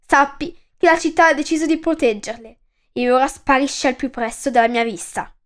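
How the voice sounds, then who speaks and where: A woman's voice: high voice, fairly quick, close to an everyday voice. A woman voicing a stern male king who warns off an intruder in a storybook myth. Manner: stern, threatening. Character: King Pelasgo, stern commanding male ruler.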